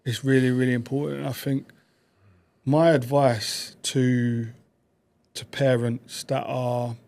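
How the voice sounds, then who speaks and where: A man, a podcast guest telling stories about his past in quick, animated bursts. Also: mid-range voice, creaky. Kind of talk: reflective conversational storytelling.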